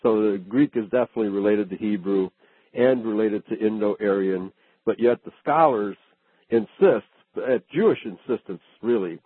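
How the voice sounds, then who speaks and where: A radio talk show host with a husky, fairly low voice chats casually at a moderate pace, asking questions and checking in with listeners, often saying "okay?" and "right." The audio is phone-like radio sound with no echo.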